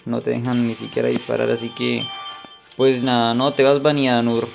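A man with a Mexican accent, commentating his mobile gameplay in a chatty, excitable way and calling out to his viewers. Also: mid-range voice, normal speed, creaky, loud music behind the voice. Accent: Mexican Spanish. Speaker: gaming channel host.

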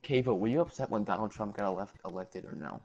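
A man's voice: lowish voice, fast talker, darkish tone, muffled recording. Joking male friend in game chat. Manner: joking, playful interjections. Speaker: friend on stream. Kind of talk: casual gaming chat.

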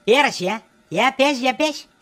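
A nosy wife, as a woman plays her, high and bright in tone, who keeps prodding for gossip and won't let a question drop. It is pushy comic sketch acting. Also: lively intonation. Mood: prying.

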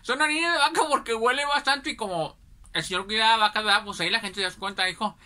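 Bright-voiced woman telling stories. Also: a little high, fast talker. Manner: chatty, rambling, keeps asking ¿verdad?. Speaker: storyteller. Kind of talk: casual anecdote telling.

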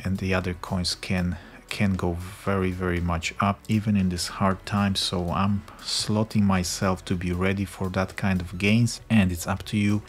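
A man walking viewers through a crypto app in a screen-recorded tutorial, explaining step by step with frequent fillers. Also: sits low.

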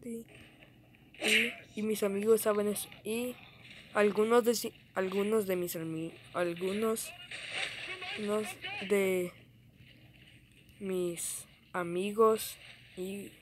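A woman giving casual, excitable gameplay commentary, shrieking and laughing at in-game deaths and dropping English exclamations into her talk. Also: medium pitch, slow, pauses often, noisy background. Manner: code-switches with English exclamations. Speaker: gaming video creator.

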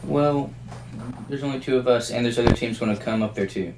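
A man chatting casually while playing a squad shooter game, calmly giving tactical directions to teammates. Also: mid-range voice, brisk, roomy sound, background noise. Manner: calm, gives tactical directions. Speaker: squad gamer. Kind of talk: casual gameplay chat.

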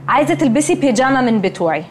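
A woman's voice: high-pitched, animated, rapid-fire, slight background noise. A haughty Egyptian woman. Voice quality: haughty dismissive delivery. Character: snobbish young woman who drops in English words.

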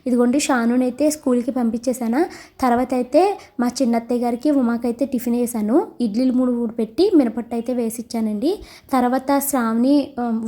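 A hoarse woman, a mother, venting in a casual vlog and asking her viewers questions. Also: a little high, warm tone. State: hoarse from shouting. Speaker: vlogger and mother. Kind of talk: casual confessional vlog chat.

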